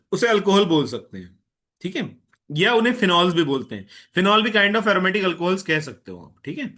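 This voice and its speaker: Chem teacher guy, bright slightly high voice, hindi-english mix, keeps asking if everyone gets it. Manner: Hindi mixed with English, checks understanding often; patient, tells an eager student to slow down. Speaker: chemistry teacher. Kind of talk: online class lecture.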